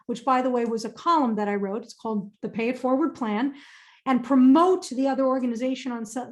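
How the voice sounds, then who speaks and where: A woman with a high-sitting voice presents a career webinar, answering audience questions in an upbeat, emphatic way and often repeating phrases for stress.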